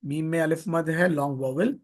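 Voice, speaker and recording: A man's voice: fairly high pitch, moderate pace. A man teaching Quran recitation in a live online class, repeating each word several times and stretching out the long vowels, with English teaching terms mixed into his speech. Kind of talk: slow drilled tajweed lesson.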